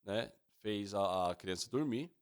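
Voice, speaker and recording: A man's voice: lowish voice, a little slow. A man interpreting a sermon, telling a personal story and acting out the dialogue in it. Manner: storytelling, acts out dialogue with raised voice.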